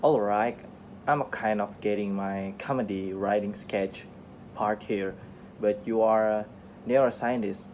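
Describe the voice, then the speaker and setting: A man reading an interview script aloud for listening practice, halting often, restarting words and slipping on phrases. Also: on the low side, steady tone, a little mellow, a little hiss or hum. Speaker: English teacher reading a radio interview aloud.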